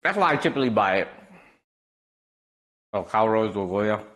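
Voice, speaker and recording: This young man has a fairly low-pitched voice at a normal speed and a Midwestern American accent from Wisconsin. He talks casually to his stream audience, laid-back and wandering, with lots of fillers and bursts of animation when something tickles him.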